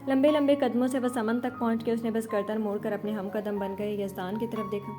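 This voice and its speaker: A woman narrating a romance novel in a steady, dramatic storytelling manner. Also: a little high, music in the background. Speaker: audiobook narrator. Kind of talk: novel reading.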